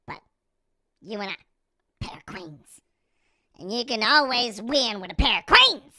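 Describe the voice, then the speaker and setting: A man's voice: very high voice, lively intonation, a little slow, bright, forceful tone, no room sound, studio quality, pitched above the performer's own voice, exaggerated voice. A man talking through a voice changer to voice his house cats, a haughty, boastful purebred queen cat. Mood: sassy. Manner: sassy, boastful, drawling. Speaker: streamer voicing his cats.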